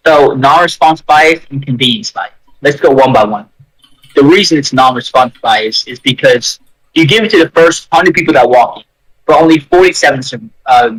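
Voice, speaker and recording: A man's voice: mid-range voice, moderate pace, slightly rough, poor audio. A man casually explaining statistics answers on a livestream review, his microphone audio glitching and cutting out. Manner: relaxed, rambling explanations with fillers. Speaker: student reviewer. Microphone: online call microphone.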